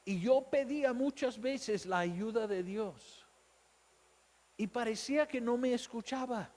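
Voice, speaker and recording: A man's voice: very high-pitched, measured pace, a little mellow, big-room sound. A man preaching a sermon as a pastor, telling his own story, asking rhetorical questions and acting out the voices of doubters.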